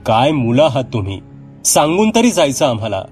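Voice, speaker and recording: A man's voice: mid-range voice, very animated, moderate pace, darkish tone, soft background music, lightly acted. A man voicing an older village headman who scolds the young guests in a fatherly way. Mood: scolding.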